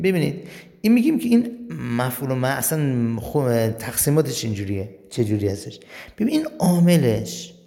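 A male teacher with a mellow, mid-range voice gives a grammar lesson, explaining things step by step and answering the questions he asks himself. The recording carries a long hall reverb.

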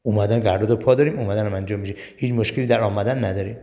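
A man's voice: fairly low pitch, gravelly, warm tone. Man teaching grammar in an echoey hall. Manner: explains step by step, asks and answers his own questions. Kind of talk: Arabic grammar lesson. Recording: long reverb in a hall.

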